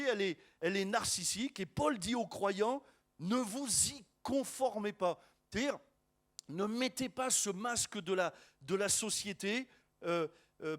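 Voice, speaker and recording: Joking, high-voiced pastor preaching. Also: male voice. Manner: lively and joking, many restarts and asides to the congregation. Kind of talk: sermon.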